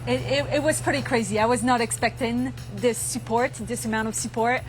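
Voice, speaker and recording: Earnest woman bakery owner, high voice. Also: fairly even intonation, soft background music. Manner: earnest, halting, with many fillers and restarts. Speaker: bakery owner, interview guest. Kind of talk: casual interview answers. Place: bakery kitchen.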